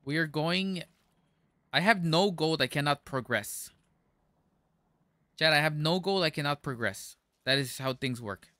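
Male game streamer, bright sharp voice, dry close sound, jumpy and excitable, given to stammering outbursts. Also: a little high, measured pace, long pauses, dry recording. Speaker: gaming streamer. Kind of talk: casual gameplay commentary to chat.

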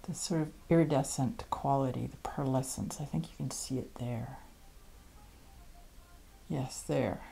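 A middle-aged woman, a pastel artist, casually talking through a demo of art supplies, often dropping to a soft near-whisper as she shows things, then chatty and upbeat. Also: rumbling low, a little slow, gravelly, long pauses, a little hiss or hum. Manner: soft-spoken, drops to near whisper while demonstrating.

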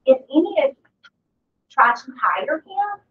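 A woman with a fairly high voice speaks with eager, teasing energy to a board in a conference room. She is heard from across the room on a dull, muffled recording with a faint hiss behind her. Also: sing-song, measured pace, pushed and bright, far from the mic. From raised in the country. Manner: enthusiastic, teasing. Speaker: board meeting leader. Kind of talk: meeting remarks. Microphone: far room mic.

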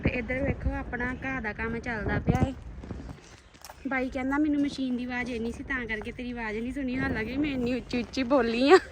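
A woman's voice: fairly high pitch, steady tone, a little fast, very noisy. A woman chatting casually as she films a daily vlog, showing viewers around a rural home and garden. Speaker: vlogger.

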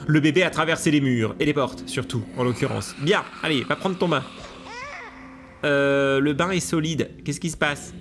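A man commentating a video game to his viewers, excitable and laughing often, with hiccups. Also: fairly high pitch, normal speed, music in the background. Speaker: gaming YouTuber. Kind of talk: let's play commentary.

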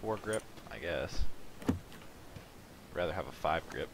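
A gaming channel host with a lowish voice gives casual let's-play commentary, rambling loosely, poking fun at himself, and musing aloud about what to pick up next. He sounds sleepy and yawns at the start, speaking a little slowly. A steady noise is clearly audible behind his voice.

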